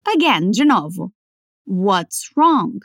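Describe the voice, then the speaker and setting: Uma mulher dando aula de inglês em português, falando devagar e articulando as frases com cuidado para o aluno repetir. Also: female voice, mid-range voice, big pitch swings, gravelly, a bit bright, no echo, studio quality. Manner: slow, careful over-articulated model phrases. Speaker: English teacher. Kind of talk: language lesson, repeat-after-me drills.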